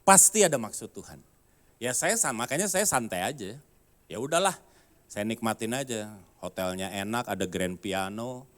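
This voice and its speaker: A man, a pastor, preaching a sermon in a church, telling a personal story and acting out the dialogue, dropping in English phrases. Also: on the low side.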